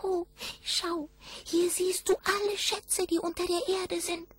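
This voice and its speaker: A woman voicing a tiny, grateful male kobold with a very high, thin voice and sing-song calls. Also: little pitch movement, takes it slowly, dry recording. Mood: wondrous.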